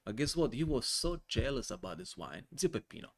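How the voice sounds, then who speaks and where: A man in his forties from Italy with an Italian accent, a guest telling animated, joking stories in a casual podcast interview. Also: medium pitch, brisk. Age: 40s. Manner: animated, joking storyteller in non-native English. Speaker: guest, wine importer.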